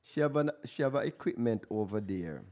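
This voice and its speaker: A man's voice: on the low side, expressive, fairly quick, darkish tone. A man hosting a radio talk show, enthusiastic and addressing listeners directly, often stumbling and restarting. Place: radio studio.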